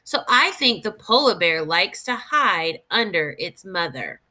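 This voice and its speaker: In a lowish voice, a woman teacher reads a children's nonfiction book aloud, deliberate and expressive, pausing to think aloud for young learners.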